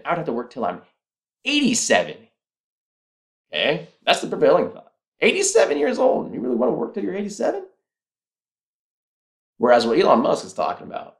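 A man's voice: medium pitch, gravelly. A man hosting a podcast alone, talking earnestly and persuasively as he walks through numbers step by step. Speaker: podcast host. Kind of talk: casual solo podcast talk.

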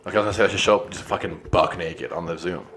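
A man's voice: deep voice, very fast, a bit bright, a little hiss or hum. A man co-hosting a podcast in crude, joking casual banter. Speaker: podcast co-host.

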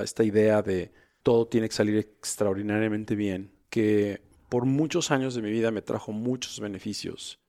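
A middle-aged man, a coach and guest, telling personal stories in a lively, dramatized way. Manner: animated, acts out dialogue with big pitch jumps. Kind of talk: conversational storytelling.

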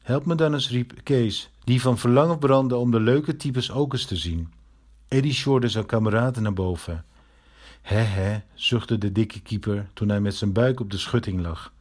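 A man's voice: medium pitch, moderate pace, darkish tone. Man reading a storybook aloud. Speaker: narrator.

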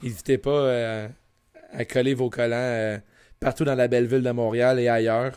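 A man with a Quebec French accent and a hoarse, gravelly voice, chatting casually as a podcast co-host. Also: medium pitch, level tone, normal speed, a little mellow. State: hoarse voice after two wrestling shows. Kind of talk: casual chat.

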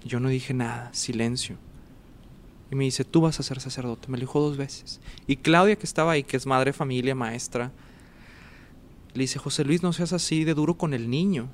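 Animated man telling a story. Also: medium pitch, moderate pace, slight background noise. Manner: animated, acts out dialogue and sounds. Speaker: guest telling his vocation story. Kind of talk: casual storytelling.

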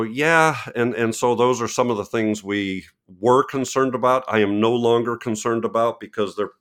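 A man talking as a guest photographer in a podcast interview, reflective and unhurried, often restarting and correcting himself mid-sentence. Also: fairly low pitch, fairly bright tone.

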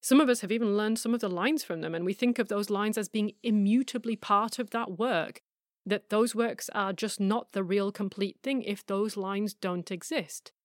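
A middle-aged woman, narrating her own podcast from a script in a measured, emphatic way, with wry asides and rhetorical questions. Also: mid-range voice, dry recording, clean studio sound. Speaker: podcast host.

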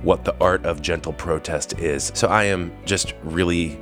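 A man hosting a podcast in an informal, effusive way, sick and hoarse with his voice giving out. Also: deep voice, steady tone, moderate pace, fairly bright tone, faint music behind. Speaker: podcast host. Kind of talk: conversational podcast introduction and interview.

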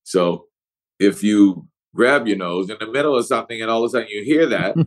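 A middle-aged actor with a New Orleans accent, telling stories expansively in an interview and acting out examples with pitch swings. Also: male voice, a little fast, poor audio. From New Orleans, USA. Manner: expansive storyteller, shifts pitch to act out examples. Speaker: actor guest. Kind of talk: animated interview talk.

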